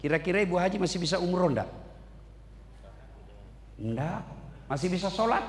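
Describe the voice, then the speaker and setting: A man preaching a sermon, animated, swinging between loud and hushed. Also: high voice, moderate pace. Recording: echoey hall with faint ambience.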